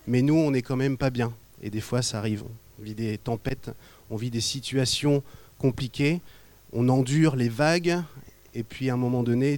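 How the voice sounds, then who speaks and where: In church, a pastor from Normandy, France, preaches to his congregation in a mid-range voice, telling stories in a loose, conversational way and often dropping into quiet asides.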